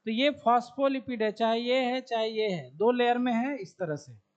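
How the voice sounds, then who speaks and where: Clean in tone, very high-pitched and at normal speed, a man lectures on biology with a Bihari Hindi accent. He fields his own questions to students and repeats key words while writing them on the board, recorded in a dull lo-fi classroom.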